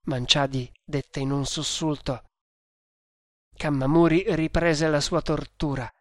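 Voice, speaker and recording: Audiobook reader, slow measured pace, dry close sound, dramatic. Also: mid-range voice, steady tone, no room sound.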